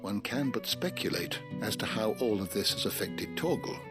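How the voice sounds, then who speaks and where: An actor playing a formal, measured scholar in a video game, speaking over the game's music. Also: male voice, fairly low pitch, animated, close to an everyday voice. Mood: thoughtful. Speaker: game character.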